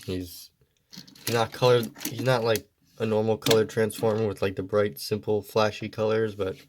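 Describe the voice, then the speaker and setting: Man, lowish voice, stuffy nose, casual toy review, easygoing, meandering. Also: slight background noise. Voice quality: stuffy, congested.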